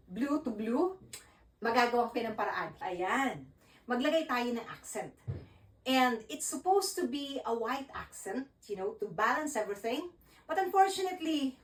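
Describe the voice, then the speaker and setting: A Filipino woman chats her way through a fashion vlog in a slow, easy rhythm, her voice sitting a touch high. She sounds set back from the mic in a roomy, echoing space. Her delivery is chatty and animated as she dresses and styles an outfit. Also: distant mic. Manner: chatty, Taglish code-switching, animated. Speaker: fashion vlogger. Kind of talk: casual vlog.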